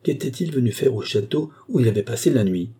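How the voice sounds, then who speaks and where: A man's voice: medium pitch, lively intonation, fast talker, dark tone, husky, pitched above the performer's own voice. A man doing a sly, wordy valet with a raised voice. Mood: sly, deferential. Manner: long-winded, ceremonious. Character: adult male valet, sly, wordy, deferential.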